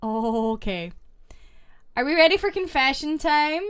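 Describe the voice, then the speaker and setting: Reading posts aloud during a relaxed live-stream, this female streamer tosses off quick asides in response to her chat. Her voice is high-pitched, with lively intonation.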